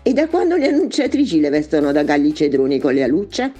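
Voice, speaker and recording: A woman's voice: deep voice, very animated, fast talker, mellow, breathy edge, soft background music, full character voice. A woman voicing a sarcastic, down-to-earth young Mary in a comic reading. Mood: sardonic. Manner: sarcastic, brusque.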